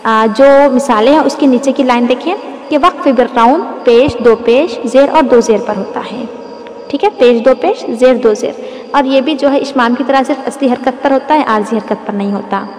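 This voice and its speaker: A high-pitched woman gives a patient recitation lesson, stretching out example words as she explains them. Her voice rings around an echoey room with a long reverb tail. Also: a little mellow. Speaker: Quran recitation teacher. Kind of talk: tajweed lesson with demonstrations.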